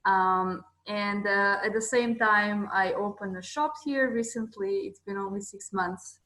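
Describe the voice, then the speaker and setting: A woman's voice: medium pitch, unhurried, a bit bright, echoey room, low-quality recording. Female interview guest from Kyrgyzstan, plain candid delivery over a video call. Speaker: guest, shop owner.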